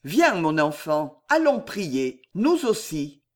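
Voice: medium pitch, big pitch swings, slow. A reader voicing a solemn, motherly woman who urges prayer, in an audiobook. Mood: insistent. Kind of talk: audiobook reading.

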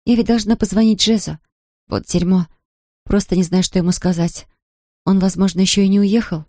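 A woman's voice: mid-range voice, steady tone, brisk, mellow, close to an everyday voice. A woman voicing an anxious, emotional young mother in a storybook reading.

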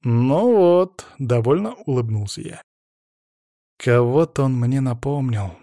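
A man narrating a story in the first person, in an expressive, varied storytelling manner. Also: mid-range voice, a little slow, vocal fry, dry recording, studio quality.

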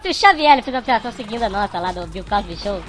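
A man co-hosting a podcast with his voice sped up like fast-forwarded tape, sounding like a chipmunk as he wryly reads listener emails. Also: high voice, expressive, fairly bright tone. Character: squeaky sped-up chipmunk male host.

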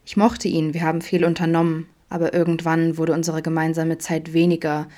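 Vincent, warm cheeky young guy from a storybook, read by a woman, low voice lifted a touch. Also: completely flat delivery, fairly quick, close to an everyday voice. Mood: earnest. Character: young man, warm, open, teasing, cheerful.

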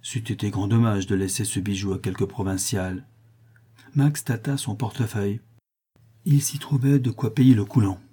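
A man narrating a literary novel as an audiobook with a steady, expressive reading. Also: on the low side, moderate pace, slightly rough. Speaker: audiobook reader.

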